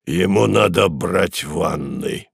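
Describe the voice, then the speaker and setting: A menacing demon henchman with a nasal voice, as a man puts him on in an audiobook. He drawls slowly and low, with a falsely intimate tone. The sound is dry and close. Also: creaky, slightly rough, no echo, full character voice.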